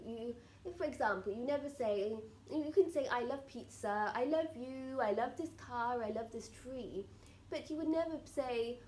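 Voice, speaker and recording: A woman speaking as a seance medium in trance, giving solemn spiritual guidance in halting, repetitive, formally archaic phrases. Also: fairly high pitch, darkish tone, a little hiss or hum, low-quality recording. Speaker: trance channeller answering questions as a spirit collective.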